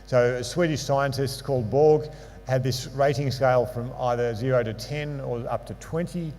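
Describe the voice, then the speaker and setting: In a lecture hall, a man with a non-local English accent gives a conference talk on sports medicine with slides, patiently explaining concepts and adding dry asides. His mid-range voice is steady and a little mellow at normal speed, and the recording has hall reverb and mains hum.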